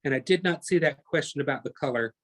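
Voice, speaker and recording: A man's voice: on the high side, quick pace. A man teaching a live online painting class, chatty and talking through each step as he works, often correcting himself mid-sentence. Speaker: painting instructor.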